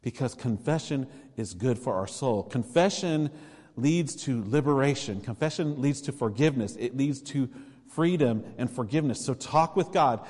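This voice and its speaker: A man's voice: mid-range voice, lively intonation, moderate pace, darkish tone. A man preaching a sermon as pastor, earnest and conversational, pressing points with emphatic exhortations. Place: church sanctuary. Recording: long reverb of a church sanctuary.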